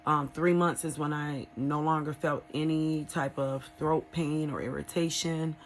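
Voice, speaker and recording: A woman's voice: low voice, fairly even intonation. Candid woman vlogger, rambling, noisy background. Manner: candid, rambling, hesitant with pauses. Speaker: vlogger sharing a recovery experience. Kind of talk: casual, unscripted personal vlog talk.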